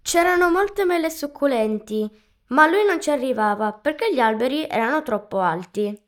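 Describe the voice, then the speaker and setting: A woman's voice: high-pitched, expressive, normal speed. A woman narrating a children's fable, trading lines with another reader. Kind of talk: reading a story aloud.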